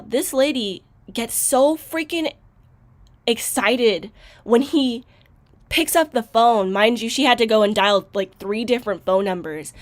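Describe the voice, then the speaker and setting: A woman hosting a casual reaction video, talking reflectively with many fillers and growing loud and emphatic when frustrated. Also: fairly high pitch.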